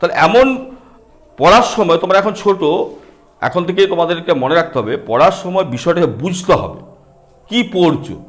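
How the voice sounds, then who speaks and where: A man's voice: sits high, lively intonation, fairly quick, long pauses. A middle-aged man with a Bengali accent, patiently explaining a counting book to small children. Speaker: teacher and book author.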